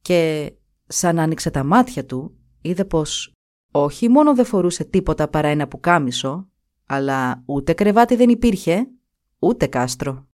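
A woman storyteller reading a fairy tale with an animated delivery. Her voice sits on the low side, and her pitch rises and falls freely to carry the story along. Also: pauses often.

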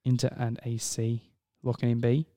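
A man co-hosting a casual podcast, reading out quiz questions with jokes and playful pauses. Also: medium pitch, completely flat delivery, mellow. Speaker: podcast co-host and quizmaster. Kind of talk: casual chat.

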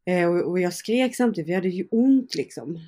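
A woman's voice: fairly low pitch, expressive, mellow, slightly rough. A young woman, an interview guest, casually recounting personal events with fillers and quoted dialogue. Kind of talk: personal storytelling in conversation.

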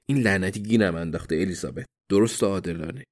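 A man voicing a cheerful, muddled older husband in an audiobook reading. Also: sits low.

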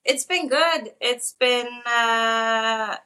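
Tired woman with a bright voice. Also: fairly high pitch, drawn-out words. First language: Norwegian. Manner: candid, talks openly about her feelings. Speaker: podcast co-host. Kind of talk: casual chat. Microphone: online call.

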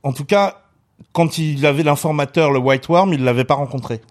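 A man's voice: a little high, normal speed. A man co-hosting a stream debriefing a TV episode, chatting casually and chiming in with short agreements. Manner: laid-back, frequent short agreements. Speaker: co-host of a series debrief stream. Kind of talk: casual chat.

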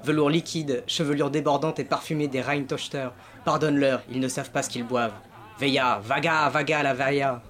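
A man's voice: mid-range voice, fairly even intonation, moderate pace, a bit bright, close to an everyday voice. An actor playing a pompous, sweaty, lyrical man who declaims and half-sings his order in a bombastic radio-play voice. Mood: grandiloquent.

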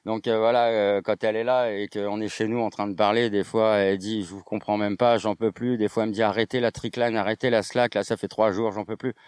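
A man with a slightly low voice rattles off his answers quickly, rambling and restarting with many fillers. The recording is close and dry. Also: flat delivery, darkish tone, clear, resonant tone, dry recording. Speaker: slackline trainer and organizer. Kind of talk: interview answers.

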